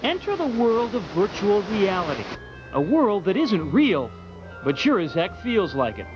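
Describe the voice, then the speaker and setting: A man reporter reads a punchy news voice-over. His voice is high and swings widely in pitch. The tape sounds dull and muffled. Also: big pitch swings, measured pace. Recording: muffled broadcast tape with music.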